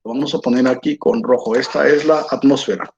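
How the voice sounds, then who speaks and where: A man teaching an online lecture, slow and patient, checking in with his students after nearly every phrase. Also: mid-range voice, steady tone, darkish tone, slight background noise. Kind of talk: online lecture while drawing on a board. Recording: dull lo-fi sound.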